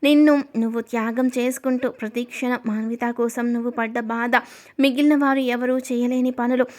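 A woman's voice: on the high side, steady tone, normal speed, a little mellow, close to an everyday voice. A woman reading the part of a proud, grateful older father who speaks earnestly and with praise.

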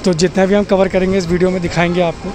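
A man's voice: sits high, little pitch movement, quick pace, over music. A man walking through a busy market and chatting to viewers as his friends in a casual travel vlog. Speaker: travel vlogger. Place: busy outdoor street market. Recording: noisy crowded street, outdoor camera mic. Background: crowd chatter and traffic.

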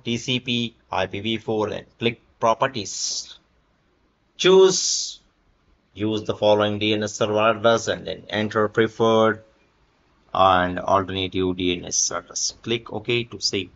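A man's voice: lowish voice, creaky, a bit bright, highs cut off. A man narrating a screen-recorded tech tutorial, reading an article aloud with fillers and small slips.

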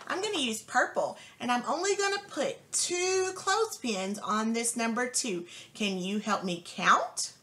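Slow, lively woman teaching a child to count. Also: fairly high pitch, slight background noise. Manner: encouraging, addresses young children with questions and praise; slow, deliberate counting aloud.

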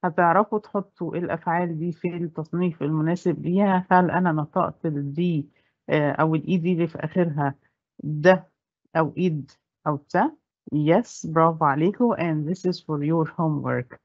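A woman with an Egyptian accent teaching English pronunciation. She says the English slowly and carefully and explains quickly in Arabic. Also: sits low, fairly even intonation, no echo, muffled recording. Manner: slow careful English, brisk Arabic asides. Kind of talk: bilingual classroom explanation.

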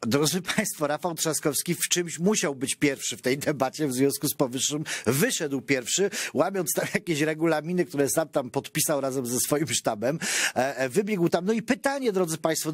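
A man's voice: a little high, no room sound, clean studio sound. A man hosting a political commentary show, talking in a chatty, mocking way and often addressing the viewers directly. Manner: mocking, chatty, keeps saying "dear viewers".

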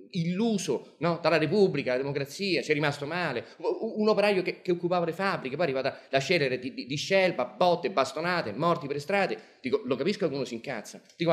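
A man telling a comic theatrical monologue in a deadpan way, filled with repeated "I say" lines. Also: fairly high pitch. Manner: rapid, repetitive "I say" storytelling, deadpan. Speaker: storyteller.

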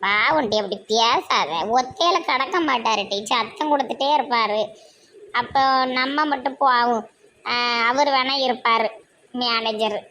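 A woman's voice: fairly high pitch, a little slow, fairly bright tone, slight background noise. A woman playing a cheerful young married woman in a comedy skit, with a Tirunelveli Tamil accent and a chatty, agreeable manner. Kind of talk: amateur comedy skit acting.

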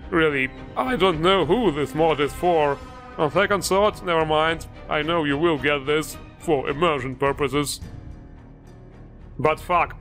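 A man's voice: fairly high pitch, fairly bright tone. A man narrating a scripted game mod review in a sarcastic, exasperated, foul-mouthed manner.

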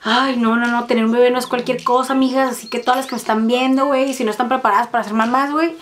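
A woman with a Mexican accent telling a personal story in fast, profane, dramatic casual chat. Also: on the high side, fairly even intonation, soft background music. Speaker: vlogger.

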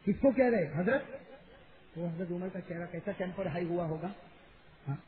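A male preacher telling a story as a sermon, quizzing his audience and shouting to drive points home. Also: sits high, echoey room. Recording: tinny lo-fi recording with loud crowd noise.

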